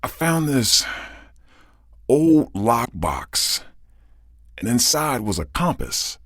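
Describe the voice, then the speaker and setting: A husky, gravelly voice for a desperate creature whose skin is turning to living gold, as a man puts him on. He speaks slowly and with strain, as if every word hurts, and his pitch swings widely. The sound is dry and close. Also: sing-song, a bit bright, no room sound, exaggerated voice. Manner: pleading, strained and labored. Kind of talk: audiobook character voice.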